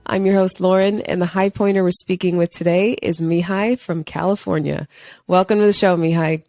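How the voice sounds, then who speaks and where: A woman's voice: lowish voice, steady tone, moderate pace, a little mellow, no room sound. A woman hosting a podcast, asking upbeat, friendly interview questions. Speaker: podcast host. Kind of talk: casual interview.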